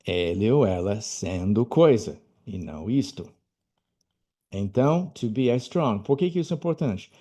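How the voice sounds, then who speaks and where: Patient, warm-voiced male teacher. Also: lowish voice, animated. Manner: patient, repeats and slows down to model example phrases. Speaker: English teacher. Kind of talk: explanatory video lesson.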